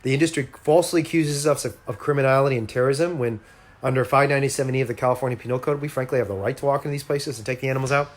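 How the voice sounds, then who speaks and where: A man's voice: medium pitch, racing. Man, home livestream, earnest, persuasive, talks to viewers directly. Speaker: animal rights activist on a livestream. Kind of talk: casual livestream talk. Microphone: phone or laptop on a home livestream.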